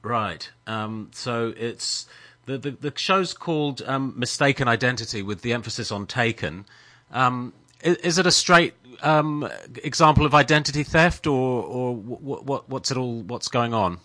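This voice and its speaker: Hesitant male radio host, bright tone. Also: mid-range voice, animated, unhurried, no echo. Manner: hesitant, stammering restarts and fillers. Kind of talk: radio interview.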